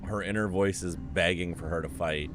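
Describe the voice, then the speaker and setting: Low-voiced man, blunt game streamer. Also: moderate pace, over music. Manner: blunt, sweary. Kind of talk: casual playthrough commentary.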